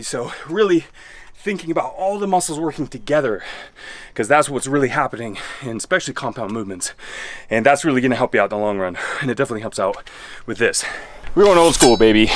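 A man in his thirties, medium-pitched with a fairly bright tone, records a dry voice-over as a fitness coach. In an easygoing, enthusiastic way he explains exercises at an outdoor home gym beside a garage.

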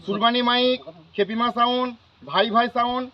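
Against a background of crowd noise on a muffled recording, a spokesman for a sound system association addresses a public meeting, reading a long list of names with a few hesitations. His voice is very high, fairly even in intonation, at normal speed.

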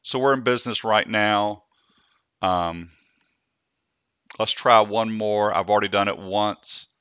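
A man hosts a software tutorial, speaking slowly and deliberately as he demonstrates commands. His voice sits low yet comes through bright and crisp. It is recorded close and dry, with no room sound. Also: steady tone, no echo. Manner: slow, deliberate speech for demonstrating dictation commands.

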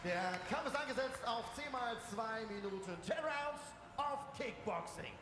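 A middle-aged man working as a boxing ring announcer, calling out fighters with theatrical, drawn-out shouted names. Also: animated, crowd noise, noisy background. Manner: theatrical, booming showman delivery. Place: boxing ring in a large crowded arena. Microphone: handheld microphone. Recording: echoey arena PA with long reverb, music.

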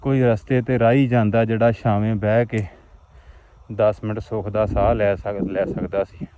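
A man's voice: mid-range voice, narrow, tinny audio, a little hiss or hum. A man with a Majhi Punjabi accent making a plaintive, exhortative outdoor vlog appeal to viewers. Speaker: vlogger. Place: outdoors on a rural roadside.

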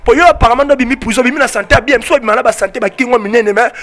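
A man's voice: very high voice, a bit bright. A Congolese man in his thirties with a Congolese French accent mixed with Lingala, speaking emphatically as a fan club spokesman into a handheld mic outdoors. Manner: emphatic, rapid French-Lingala mixing, repeats "on se comprend". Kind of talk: heated interview answers. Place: outdoor porch of a building. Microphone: handheld mic held by interviewer.

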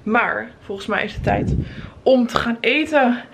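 Her voice fairly high, unhurried and creaky, a young woman in her twenties vlogs her holiday casually and upbeat to a handheld camera at arm's length. The background is noisy as she moves outdoors, through hotel rooms and a spa.

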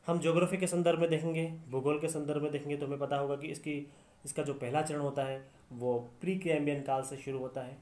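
A man's voice: medium pitch, darkish tone. Man lecturing in an echoey room. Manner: explanatory, repeats key phrases. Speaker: Hindi literature teacher.

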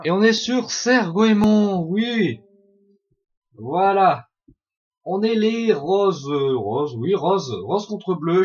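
An excitable man narrates his online match, his high voice swinging wildly in pitch as he swears and shouts at opponents. The sound is a dull, lo-fi home recording. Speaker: gaming video host. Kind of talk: Let's Play commentary.

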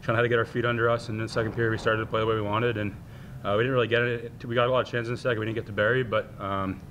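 Casting: young college hockey player from Boston, talks fast and flat, slightly low voice, faint background hiss. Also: male voice. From Boston area. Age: young adult. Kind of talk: postgame press conference.

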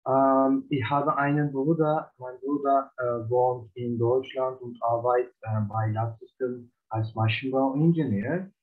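A Turkish man in his twenties, a language learner, practices for a German speaking exam over a video call, hesitating many times and speaking with a Turkish accent. His mid-range voice keeps a steady tone, unhurried and with few pauses. The call sounds tinny and phone-like.

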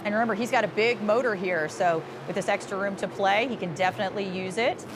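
Speaking fast in a mid-range voice, the woman delivers cheerful play-by-play for a motorsport show while engines run behind her. It's arena sports commentary, and background noise is present.

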